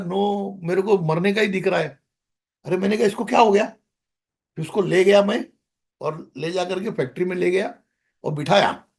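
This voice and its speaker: A man's voice: high-pitched, vocal fry, a little mellow. A middle-aged man, a podcast guest, telling a rambling story in casual conversation, with many restarts.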